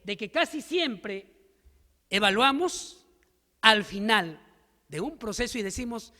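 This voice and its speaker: A man's voice: sits high, very animated, takes it slowly, pushed and bright. A man giving an emphatic seminar lecture to teachers, full of rhetorical questions and stories. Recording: long hall reverb.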